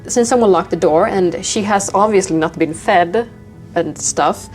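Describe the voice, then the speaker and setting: A woman's voice: fairly low pitch, unhurried. A woman giving casual let's play commentary as she plays and reacts to a game. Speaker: gamer playing and reacting. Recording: game music behind the voice.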